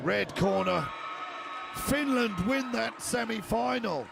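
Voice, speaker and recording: A man giving excited live fight commentary, often shouting, and losing his voice. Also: very high voice, takes it slowly, gravelly, a loud crowd.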